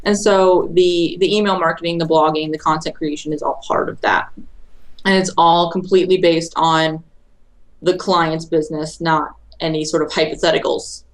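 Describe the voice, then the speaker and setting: Woman, podcast guest, social media marketing, casual interview chat, brisk and rambling, lowish voice. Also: steady tone, low-quality recording. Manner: brisk, chatty explainer who rambles.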